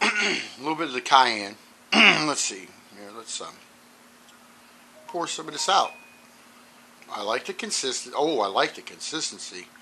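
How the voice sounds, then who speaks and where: A man with clogged sinuses casually reviewing a hot sauce on his channel, rambling with ums and clearing his throat often. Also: mid-range voice, sing-song, unhurried, long pauses, sharp tone, a little hiss or hum, low-quality recording.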